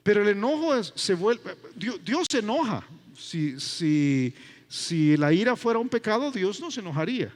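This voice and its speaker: A male pastor delivering a sermon in an emphatic, animated manner, full of repetition and rhetorical questions. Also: sits high, normal speed. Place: church.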